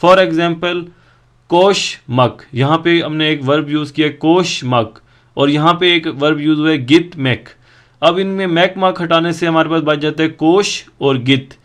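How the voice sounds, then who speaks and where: A man teaching a language lesson, patiently explaining grammar and drilling word forms slowly one at a time. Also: fairly high pitch. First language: Urdu.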